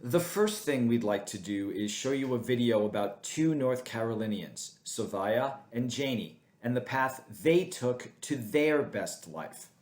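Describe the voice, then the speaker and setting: Male webinar host, measured, earnest, reading a script at a mid-range pitch. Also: lively intonation, a little mellow. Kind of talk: scripted narration.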